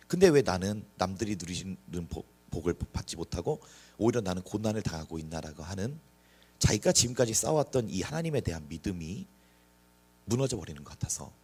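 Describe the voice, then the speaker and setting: A man's voice: on the low side, darkish tone, husky. A male pastor preaching to a young adult congregation in a church, earnest and full of rhetorical questions. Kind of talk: sermon.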